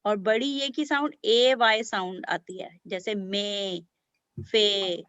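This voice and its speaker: A woman's voice: mid-range voice, steady tone, slow, a bit bright, dry recording, lo-fi sound. A woman teaching beginner language to children, patiently sounding out letters and praising often. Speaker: Urdu teacher.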